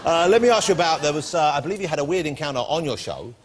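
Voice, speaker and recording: Host, rapid and playful, slightly high voice, throws quick jokes at the guest. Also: male voice, animated, slightly rough. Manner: teasing, quick banter with the guest. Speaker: talk show host. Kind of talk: talk show interview. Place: television studio.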